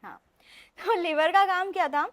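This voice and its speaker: A woman's voice: very high voice, normal speed, fairly bright tone, no room sound, studio quality. A young woman teaching an exam revision lecture, chatty and playful, mixing into her talk and drilling students in call-and-response.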